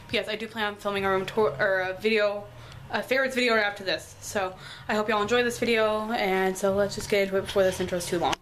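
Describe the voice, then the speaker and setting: A teenage girl, hoarse from a cold, chatting apologetically with lots of fillers as she films a tour of her bedroom. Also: medium pitch, steady tone, fast, fairly bright tone, a little hiss or hum, poor audio. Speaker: vlogger. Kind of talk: casual room tour vlog. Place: bedroom at home.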